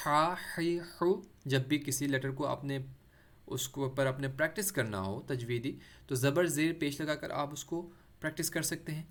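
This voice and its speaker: A man teaching Quran recitation, explaining letters patiently and drawing out sounds slowly for practice. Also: fairly high pitch. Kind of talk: explanatory lesson with demonstrated pronunciation.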